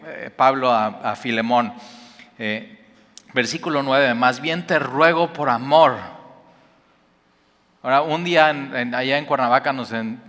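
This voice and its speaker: A man with a Mexican Spanish accent preaches a sermon with a bright, forceful tone. He tells stories with animated emphasis and sometimes shouts. His voice rings with a long hall reverb. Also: mid-range voice. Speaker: pastor.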